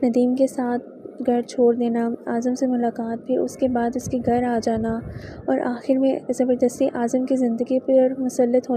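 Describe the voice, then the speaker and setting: A woman narrating a novel aloud in a steady, even reading manner. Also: on the high side, a little hiss or hum, poor audio. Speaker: audiobook narrator.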